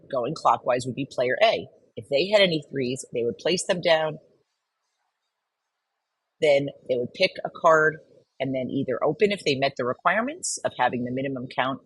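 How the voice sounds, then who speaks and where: A woman's voice: a bass voice, husky, dry recording, low-quality recording. A woman narrating a step-by-step card game tutorial, explaining each turn patiently and methodically.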